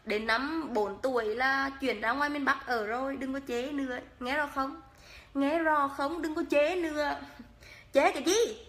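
A woman's voice: high voice, steady tone, a little slow, a bit bright. A woman with a northern Vietnamese accent chatting casually through a makeup vlog, playful and teasing, often laughing. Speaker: vlogger.

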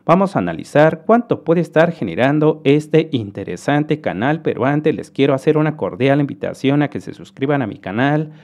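A man's voice: fairly high pitch, expressive, normal speed, few pauses, darkish tone. A man from Mexico with a Mexican Spanish accent, hosting a screen-recorded commentary and explaining figures to viewers in a friendly way. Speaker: host.

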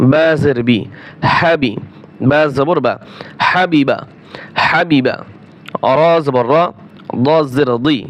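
A man teaching Quran reading, slowly spelling each Arabic letter with its vowel, repeating syllables for learners and asking and answering his own questions. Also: mid-range voice. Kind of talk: slow drilled recitation lesson.

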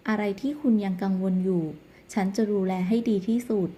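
A gentle wife softly bidding her husband farewell, read by a woman narrator in a drama recap. The voice is mellow and warm, with an even, unhurried storyteller's delivery. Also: medium pitch, natural voice. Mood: tender. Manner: soft, tender.

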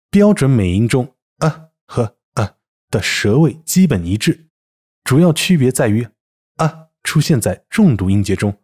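A male pronunciation teacher narrates a prepared lesson, explaining each vowel and then reading example words aloud. His voice is a bit husky and his pitch moves up and down a lot. The delivery is clear and methodical. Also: darkish tone. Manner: explanatory, with spoken word examples.

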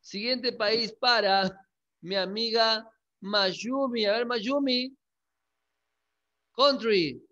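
A male English teacher giving a class, repeating words slowly and checking in with questions. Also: sits high, pushed and bright, muffled recording. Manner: coaxing, checks in with frequent questions. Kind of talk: classroom lesson.

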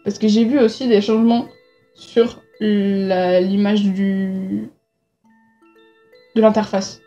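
Chatty woman gamer, mellow voice. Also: medium pitch, level tone, dull audio, soft background music. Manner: chatty, halting, with asides. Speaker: gamer reading a visual novel aloud. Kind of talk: let's play commentary.

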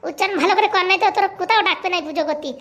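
A slightly bright voice performs a cartoon comedy role: the poor priest's village wife, shrill and nagging. She rattles off her scolding quickly, mocking as she goes.

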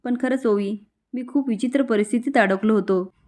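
A woman reading a remorseful gentle father. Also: on the high side, normal speed, natural voice. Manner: apologetic, soft. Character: remorseful father apologising to his daughter, gentle.

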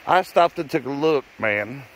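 In this casual hiking vlog, a middle-aged man on a forest trail jokes with and encourages his family while addressing the camera. His mid-range voice is expressive and a little slow, and the audio is poor, with a bit of hiss or hum.

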